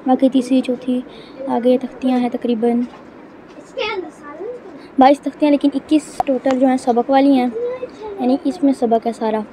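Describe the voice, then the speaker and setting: A woman teaching Quran reading in a home video lesson, explaining step by step and drawing words out slowly. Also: sits high, little pitch movement, crowd noise.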